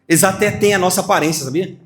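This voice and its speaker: A man's voice: sits high, slight background noise. A man preaching a sermon as pastor, acting out voices and laughing as he teaches. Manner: lively preaching with acted dialogue and laughter.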